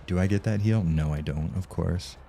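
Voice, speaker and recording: A man's voice: low-pitched, normal speed, creaky, dark tone, a little hiss or hum. A man streaming a game live, chatting casually with viewers, swearing, rambling and laughing often, tired from no sleep.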